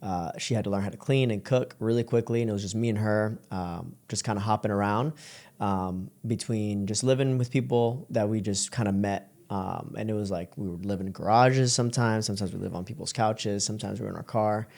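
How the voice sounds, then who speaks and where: A young man from Colombia, a podcast guest telling his story in casual chat, relaxed and full of fillers and restarts. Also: on the low side, brisk, creaky. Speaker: podcast guest, creative entrepreneur.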